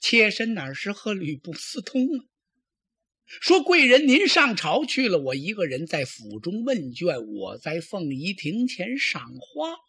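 A man's voice: sits high, huge pitch swings, measured pace, bright, forceful tone, breathy edge, dry recording, clean studio sound, exaggerated voice. A man voicing a tearful, cunning young concubine who pleads and protests in a traditional storytelling performance. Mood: tearful pleading.

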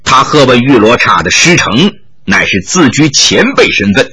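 A man's voice: mid-range voice, very animated, moderate pace, bright, forceful tone, slightly rough. A man narrating a martial arts novel in a dramatic, vivid storytelling style.

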